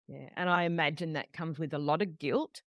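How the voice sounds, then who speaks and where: A woman's voice: deep voice, steady tone, a little fast, fairly bright tone, no room sound, studio quality. Affirming woman podcast host. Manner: affirming, summarizing, encouraging. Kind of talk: supportive interview.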